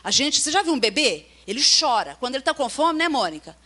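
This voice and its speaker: Brazilian woman preacher, high-pitched, chatty delivery that checks in with listeners and acts out quoted voices. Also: sing-song, fast, sharp tone. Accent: Brazilian Portuguese. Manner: chatty, keeps checking in with the audience. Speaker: preacher at a workers' retreat. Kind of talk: conversational sermon.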